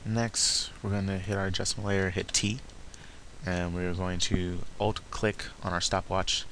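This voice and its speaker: Flat low guy doing a screen tutorial, step by step and kinda halting, keys clicking. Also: slight background noise. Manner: halting, talks through each step as he does it. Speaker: tutorial presenter. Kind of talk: step-by-step software tutorial narration.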